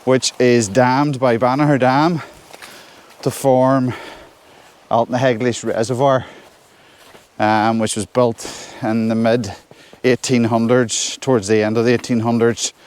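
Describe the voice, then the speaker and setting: This solo hiker vlogs as he walks, chatting easily to his audience while plodding through snow on a hilly forest track outdoors. He's a Northern Irish man whose mid-range voice is smooth and a touch mellow, with flat delivery and an unhurried pace.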